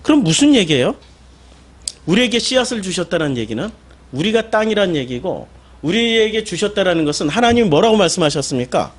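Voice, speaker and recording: High, lively-voiced male pastor preaching. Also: a little fast. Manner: asks the congregation rhetorical questions and answers them himself; emphatic, with sudden loud exclamations. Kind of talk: sermon.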